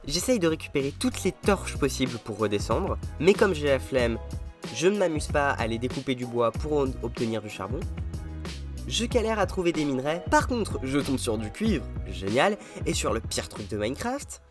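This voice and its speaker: A man's voice: mid-range voice, very animated, normal speed. A young man narrating his own gameplay in an upbeat, self-mocking voice-over. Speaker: gaming YouTuber. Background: game music.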